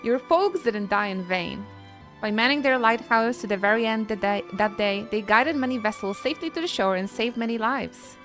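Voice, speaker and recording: A woman reading out the lines of a kindly villager from a game, in a gentle, read-aloud way. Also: fairly high pitch, moderate pace, over music, lightly acted.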